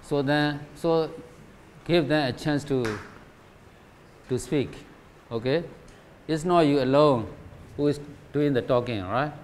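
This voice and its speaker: Slow-spoken man lecturing teachers. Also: fairly high pitch. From Myanmar. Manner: rhetorical questions, repeats "right?" and "okay?". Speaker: teacher trainer. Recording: faint background noise.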